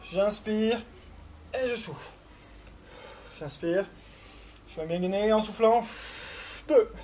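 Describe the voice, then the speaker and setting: Taking it slowly in a mellow, mid-range voice, a fitness instructor guides a workout with slight background noise behind her. She encourages and chats, counts reps out loud, and thinks aloud with little fillers as she exerts herself.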